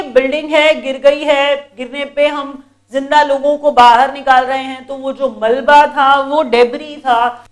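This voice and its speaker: In an exam-prep vocabulary class, a high-voiced woman teacher repeats each word many times with patience. She addresses her students as children.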